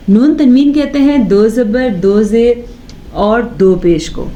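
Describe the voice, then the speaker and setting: A woman teaching Quran recitation, who explains step by step, points out common mistakes and recites phrases slowly with long held sounds. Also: on the high side, dark tone. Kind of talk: slow step-by-step recitation lesson.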